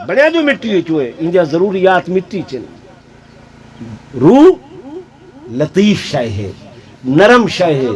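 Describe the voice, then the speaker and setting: A man preaches at a village gathering in a fairly high voice. He keeps addressing his listeners directly and answers his own rhetorical questions. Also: a little mellow. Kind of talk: Saraiki-Urdu sermon to a village gathering.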